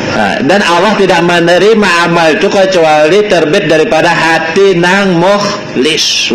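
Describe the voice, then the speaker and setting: A man's voice: on the high side, fairly bright tone, roomy sound, slight background noise, rough recording. A man with a Banjar accent giving a Sufi study lesson, mixing Arabic quotations with local dialect and firing rhetorical questions at listeners, heard from an old worn tape recording. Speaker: religious teacher.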